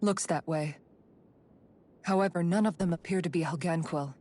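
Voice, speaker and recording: A woman's voice: fairly low pitch, moderate pace, a little mellow, close to an everyday voice. A woman voicing a reserved, logical young female adventurer, matter-of-fact, in an anime-style fantasy game. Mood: sober.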